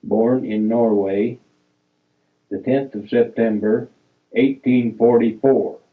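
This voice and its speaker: Leafing through old family photos, an older storyteller speaks in a steady tone at a plodding, unhurried pace with a middle pitch. He stops between names and dates, reads dates out piece by piece, and corrects himself haltingly. The audio is tinny and boxy, as if recorded over a phone.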